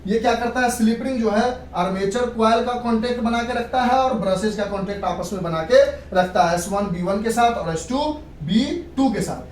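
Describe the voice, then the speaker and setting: Her voice is a little high and darkish, moving at normal speed with few pauses, as she teaches physics in an instructive way, going over points again, checking that students follow and mixing in English terms. It's a classroom lecture captured from afar in a reverberant room with background noise.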